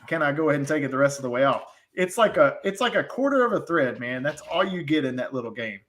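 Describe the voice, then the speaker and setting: A man, an HVAC technician, telling animated trade stories in casual podcast chat, full of slang. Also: fairly high pitch, fast, a little hiss or hum.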